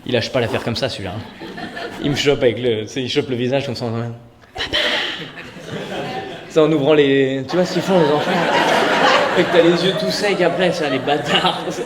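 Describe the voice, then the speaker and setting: A man's voice: medium pitch, fast, over a noisy crowd. A man in his thirties doing a stand-up comedy set in a chatty, rambling, self-mocking way, on stage before a live audience. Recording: echoey venue with loud noise.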